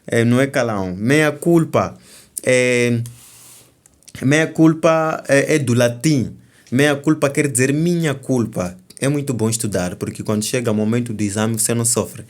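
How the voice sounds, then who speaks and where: A man's voice: medium pitch, normal speed. A man with a Mozambican Portuguese accent, an exam tutor going through the answers step by step and checking in with "ok?" as he goes. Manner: explains step by step, often stopping to say "então" and "ok?".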